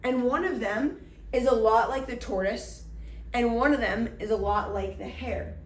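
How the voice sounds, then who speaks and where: An energetic woman teacher giving an upbeat, chatty classroom lecture. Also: fairly high pitch, normal speed, far from the mic. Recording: echoey room.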